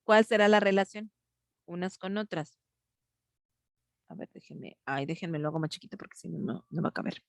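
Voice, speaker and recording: A woman's voice: fairly low pitch, normal speed, creaky, long pauses, no room sound, clean studio sound. A woman teacher, patiently walking students through a grammar lesson over a video call. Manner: patient, explains step by step, asks students for answers. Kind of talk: online grammar class.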